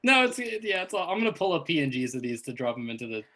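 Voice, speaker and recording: A man's voice: a little high, big pitch swings, fast, a bit bright, a little hiss or hum. A man running a tabletop role-playing game on a live stream as game master, chatting casually and organizing the players.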